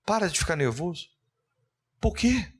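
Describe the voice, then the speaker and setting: A man pastor, preaching a fervent sermon that rises into loud calls and readings from scripture. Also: high-pitched, sing-song, normal speed, slightly rough.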